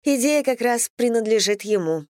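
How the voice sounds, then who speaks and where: A woman's voice: on the high side, normal speed, no echo, studio quality, voice pushed up, close to an everyday voice. A woman doing a giddy young bride-to-be. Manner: bubbly, playful, excited.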